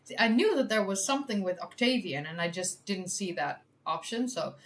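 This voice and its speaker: With slight background noise behind her, a native Dutch woman from the Netherlands talks in an animated, medium-pitched voice at normal speed. She is casually chatting on a live stream during a history quiz, thinking aloud, laughing frequently and poking fun at herself.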